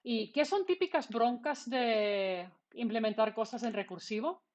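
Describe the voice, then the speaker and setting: Slightly high, slow, and mellow, this woman's voice comes through lo-fi audio as she delivers an online programming lecture. A Finnish-speaking university lecturer, she walks through the code step by step, asking and then answering her own questions.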